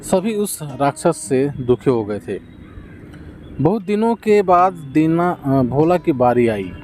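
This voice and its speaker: A man narrating a children's folk tale in a gentle, steady scripted storytelling manner. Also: fairly high pitch.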